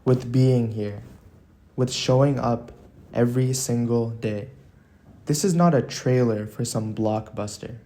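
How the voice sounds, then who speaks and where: A man with a warm, medium-pitched voice narrates a scripted motivational monologue. He speaks earnestly and deliberately, leaving dramatic pauses between phrases.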